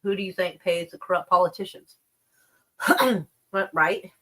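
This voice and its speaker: A woman's voice: lowish voice, measured pace, bright, forceful tone. A woman chatting casually on a live stream about the news, rambling and wry, with plenty of swearing. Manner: profane, laid-back, wry.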